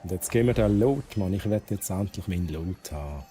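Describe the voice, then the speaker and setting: A man from Switzerland with a Swiss German accent streams a game, casually chatting with viewers, laughing a lot, and reading the on-screen text aloud. His deep voice is animated and a little fast, with music playing behind him.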